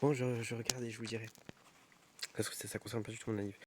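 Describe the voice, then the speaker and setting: This young vlogger talks fast at a medium pitch with little variation, over a noisy background. Filming himself on his phone at home at night, he rambles, mocks himself and frequently restarts or repeats words.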